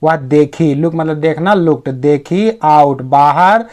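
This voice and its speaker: A slightly high, somewhat mellow male voice belongs to an English teacher leading a reading lesson in Hindi. Word by word he works through the text, reading out the English sentences slowly and carefully.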